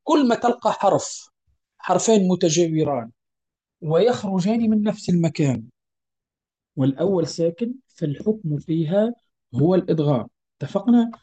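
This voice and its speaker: A Quran recitation teacher gives a tajweed lesson. The teacher explains each rule patiently, repeats points, checks that students follow, and slows down to recite examples. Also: medium pitch, animated, warm tone, breathy edge.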